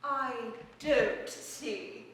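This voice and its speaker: Woman playing a slow, curt male caterpillar. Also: high voice, fairly bright tone, full character voice. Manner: terse, demanding, drawn-out. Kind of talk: live stage reading. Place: church sanctuary. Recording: echoey church hall from far off, faint hiss.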